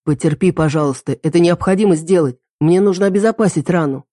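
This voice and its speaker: A woman's voice: on the low side, fast talker, mellow, dry recording, studio quality, lightly acted. A woman voicing a protective young man in an audiobook, urgent and comforting.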